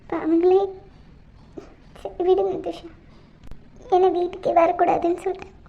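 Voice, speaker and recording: Woman doing a tearful young woman, very high voice, pleading, hobby drama, muffled lo-fi sound. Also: level tone, moderate pace, vocal fry. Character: heartbroken young woman, tearful and guilt-ridden. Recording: muffled lo-fi recording.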